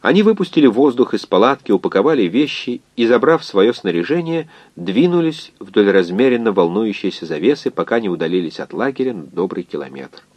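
A man narrating a science fiction novel in an expressive, measured reading. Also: lowish voice, dry recording, dull audio. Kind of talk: scripted audiobook narration.

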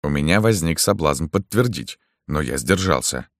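A man narrating a first-person novel in a steady, even reading. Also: rumbling low, normal speed, creaky, dry recording, clean studio sound. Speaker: audiobook narrator.

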